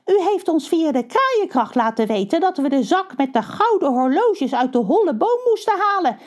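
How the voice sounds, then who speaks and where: A woman voicing two eager young crows in a chirpy, bright way. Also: high voice, sing-song, normal speed, pitched above the performer's own voice.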